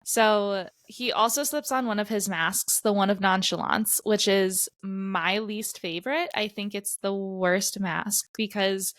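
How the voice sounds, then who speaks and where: A woman co-hosting a podcast, retelling a story in casual chat with animated, emphatic bursts of exasperation. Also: mid-range voice, measured pace, few pauses, dry recording. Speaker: podcast co-host. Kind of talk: casual book-discussion chat.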